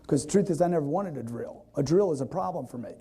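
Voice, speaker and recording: A man giving an energetic live sales seminar, quizzing the audience and acting out customers in quoted voices. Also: fairly high pitch, fast talker, breathy edge. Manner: energetic, repetitive, keeps quizzing the crowd. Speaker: sales trainer.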